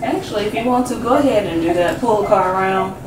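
A woman's voice: mid-range voice, fast talker. A woman chatting casually and telling stories like a friendly-shift nurse. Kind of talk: casual chat, storytelling. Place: small clinic treatment room. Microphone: distant from a handheld camera. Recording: distant, echoey, very noisy room.

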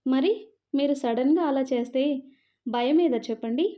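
A woman's voice: high-pitched, moderate pace, mellow, lightly acted. A woman reading a shy sweet young wife. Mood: shy, coy.

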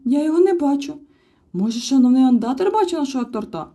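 A woman voicing a kind, fussing mother creature who talks gently and soothingly. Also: high voice, expressive, quick pace, voice pushed up. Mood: worried.

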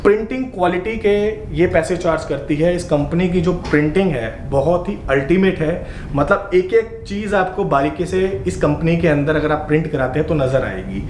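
A man's voice: on the high side, normal speed, a little mellow. A man in his thirties running a shop, explaining products and prices eagerly in a sales walkthrough. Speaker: shop owner showing products. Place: indoor wallpaper shop. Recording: echoey shop with noise.

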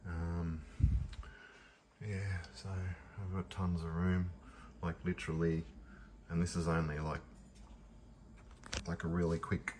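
A man's voice: low voice, flat delivery, takes it slowly, pauses often, darkish tone, a little hiss or hum. A man casually showing his kitchen and pantry on a handheld phone, rambling with lots of fillers and restarts. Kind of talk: casual home tour, filmed on phone. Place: home kitchen and pantry, indoors. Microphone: handheld phone camera.

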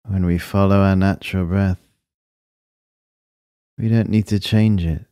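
A man guides a breathing meditation in a low, mellow voice. He speaks slowly and soothingly, leaving long pauses between short, calm phrases. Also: smooth, no echo, studio quality.

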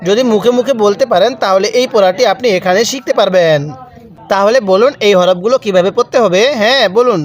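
A man teaching Quranic reading, spelling out words letter by letter, then drawing each out slowly and asking learners to repeat after him. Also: high-pitched. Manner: slow drawn-out recitation of words, quick explanations.

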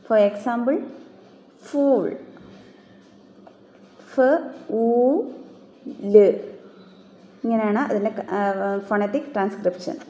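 A woman teaching phonetics, sounding out words one sound at a time and dictating definitions slowly. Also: medium pitch, warm tone, reverberant, low-quality recording. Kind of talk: classroom explanation of phonetics.

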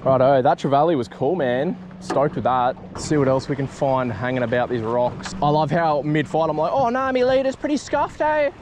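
Excitable Australian man fishing from a boat. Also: a little high, moderate pace, hardly any pauses. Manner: excitable, swears, yells when fish strike. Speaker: fishing vlogger. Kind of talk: excited casual fishing commentary. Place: small boat on the sea outdoors. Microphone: camera mic on boat and head camera. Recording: wind and water noise outdoors.

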